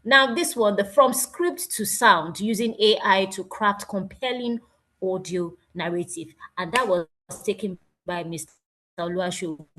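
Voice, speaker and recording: A Nigerian-accented woman gives an informal presentation online at medium pitch and an unhurried pace. Her delivery is animated and emphatic, full of exclamations and repeated phrases.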